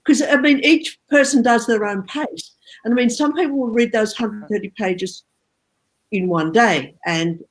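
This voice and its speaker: A woman's voice: a little high, measured pace, rough recording. Hesitant woman co-host in a group chat. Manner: hesitant, searching for words, agreeable. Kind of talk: casual group discussion.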